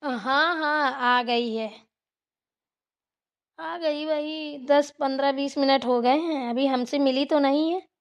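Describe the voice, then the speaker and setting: A woman's voice: sits high, slow. A woman voicing a middle-aged village mother-in-law who drawls and grumbles in a cartoon. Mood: friendly. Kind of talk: cartoon voice acting.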